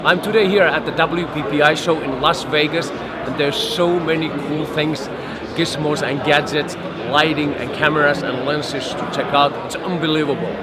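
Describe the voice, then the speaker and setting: A middle-aged Finnish man, a photographer, tells stories in a casual interview on a busy trade show floor. His voice is a little high with fairly even intonation at normal speed, and loud crowd noise fills the background.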